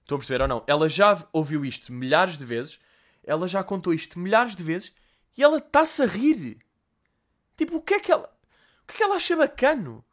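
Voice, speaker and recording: Young European Portuguese man, podcast host, rapid and expressive comic storyteller. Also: sits high. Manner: animated, profane, conversational. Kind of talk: comedic storytelling.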